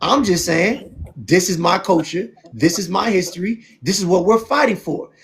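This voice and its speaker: A man's voice: sits high, normal speed, creaky, a bit bright. A man from South Florida, hosting a heated debate on a stream and talking in an emphatic, preachy way. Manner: emphatic and preachy, repeats "see what I'm saying". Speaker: show host.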